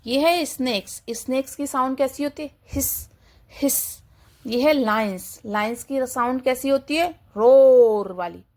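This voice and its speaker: A woman teaching a kindergarten English lesson in Hindi and English. She explains slowly and patiently, asks questions and answers them herself, and imitates animal sounds. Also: sits high.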